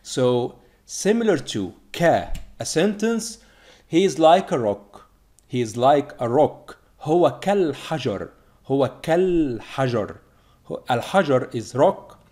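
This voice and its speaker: This is a man from Egypt, giving a beginner language lesson. His pitch rises and falls in a lively way as he slowly repeats each word to drill it. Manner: slow, repeated drilling of words. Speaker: Arabic teacher.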